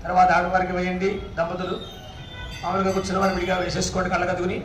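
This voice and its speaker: A man serving as temple priest, chanting mantras slowly in a sung voice and explaining the ritual quickly in between. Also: sits high, monotone, a little hiss or hum. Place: temple hall during a ritual. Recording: very echoey, voice from far off.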